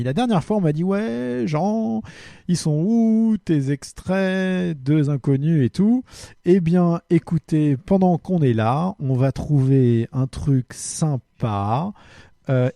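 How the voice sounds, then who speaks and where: A man's voice: medium pitch, warm tone, dry recording. A man hosting a casual solo podcast, answering listener questions in a friendly, hesitant way full of fillers.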